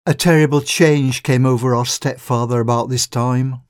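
A man reading a classic detective story aloud in a measured, unhurried narration. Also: mid-range voice, steady tone, smooth.

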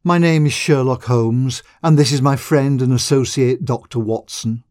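Man voicing a chill detective in an audiobook, soft and reassuring. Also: mid-range voice, normal speed, natural voice. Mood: calm. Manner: calm and soothing. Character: calm, composed older male detective.

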